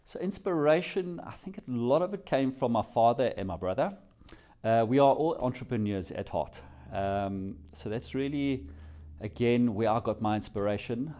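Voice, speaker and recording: A man's voice: fairly low pitch, dark tone. A South African man answering interview questions, telling his story in a reflective, rambling way. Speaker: company CEO, guest.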